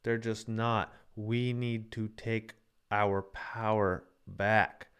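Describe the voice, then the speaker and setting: A man with a somewhat low, smooth, resonant voice, hosting his own live-streamed show. He talks casually and rants in a heated, swearing way. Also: level tone, extremely slow, a bit bright. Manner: heated, profane ranting. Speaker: livestream show host.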